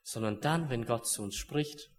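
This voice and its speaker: A young man preaching a sermon in an earnest way, dropping to hushed solemn words and then rising to urgent ones. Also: mid-range voice, a little slow.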